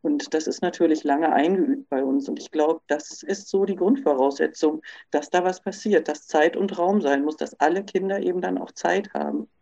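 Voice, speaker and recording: A woman's voice: low voice, normal speed, creaky, hardly any pauses, warm tone, dull audio. A woman who teaches primary school, explaining earnestly on a video call. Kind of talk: video call panel remark.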